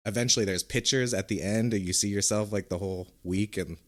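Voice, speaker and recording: A man's voice: fairly low pitch, a little fast. A young man chatting casually as a podcast guest, laid-back and full of ums and little laughs. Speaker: podcast guest, bar manager.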